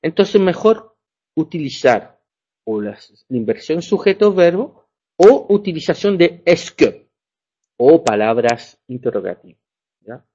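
A man's voice: on the high side, sing-song, unhurried, long pauses, warm tone, slightly rough. Man teaching in a lo-fi recording. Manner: explanatory, checks understanding with "ya". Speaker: French teacher. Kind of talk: classroom lecture. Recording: dull lo-fi sound.

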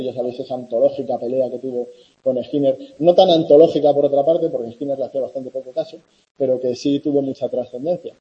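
A man from giving a university lecture in a conversational way, often checking in with students and filling pauses. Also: medium pitch, muffled recording. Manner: conversational, with many fillers and "¿vale?" checks. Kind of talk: classroom lecture.

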